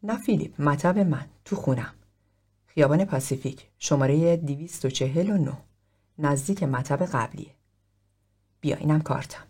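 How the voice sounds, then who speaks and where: A man reading the part of a sixty-five-year-old psychotherapist who speaks in a probing, gently direct way. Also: fairly high pitch, slightly rough. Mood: measured. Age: 60s.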